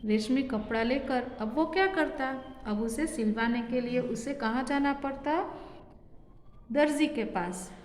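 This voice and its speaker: A woman teacher telling a children's story at a very unhurried pace, stopping to repeat lines and quiz the class. The room is echoey with a long reverb, and there is a faint hiss underneath. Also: high voice. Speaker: primary school teacher. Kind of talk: reading a story aloud in a class lesson.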